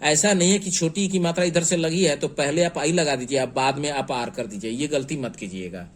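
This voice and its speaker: A man teaching a spelling lesson, slow and patient, spelling words out letter by letter. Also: on the high side, a little hiss or hum. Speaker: English teacher.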